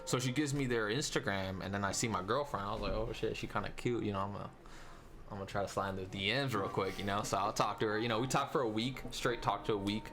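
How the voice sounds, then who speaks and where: A man's voice: on the low side, fast talker, fairly bright tone. A young man from Taiwan, co-hosting a podcast and telling a relationship story in slangy casual chat. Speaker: podcast co-host. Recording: music playing behind.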